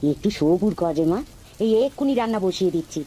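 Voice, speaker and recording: A woman voicing a caring village mother in a cartoon, motherly and quick to exclaim. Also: lowish voice, animated, mellow, a little hiss or hum, natural voice. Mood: soothing.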